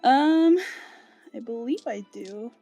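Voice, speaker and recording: A woman player at a tabletop game, animated and giggly, chatting casually. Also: fairly high pitch, takes it slowly, slightly rough, muffled recording, soft background music. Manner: giggly, animated, breaks into laughter.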